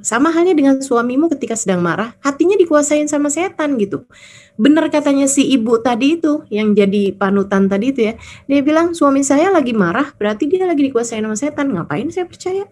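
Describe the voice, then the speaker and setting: Female preacher, casual storytelling style, lively quoted voices, pitched a bit high. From Indonesia. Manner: chatty, animated storytelling, acts out quoted people. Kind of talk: casual religious talk.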